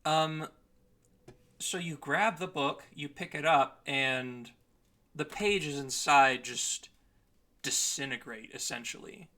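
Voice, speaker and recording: A young man narrating as dungeon master in an online tabletop game, describing scenes in a measured way with some hesitations. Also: fairly high pitch, pushed and bright.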